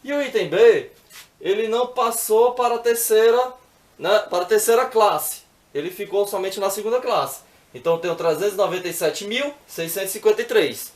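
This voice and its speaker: In a reverberant space, a man with a high-pitched voice teaches math briskly. He works through exercises patiently, step by step, and often checks in with the viewer.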